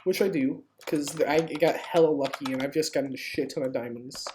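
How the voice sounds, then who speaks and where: Informal and foul-mouthed, this game streamer jokingly begs her viewers while commentating live. She speaks briskly in a low, steady voice over a clearly noisy home setup full of keyboard clicks.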